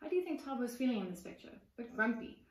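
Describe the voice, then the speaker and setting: Her fairly high voice moves at a quick pace as this South African woman in her forties, a children's book author and reader, expressively reads a picture book and asks the children questions. The recording is distant and roomy-echoed, made indoors among bookshelves and plants.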